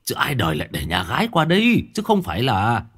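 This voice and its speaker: A man reading a story, voicing a shocked old village father who stammers and repeats his words in a low, halting voice. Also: wildly swooping pitch, a bit bright, husky, full character voice.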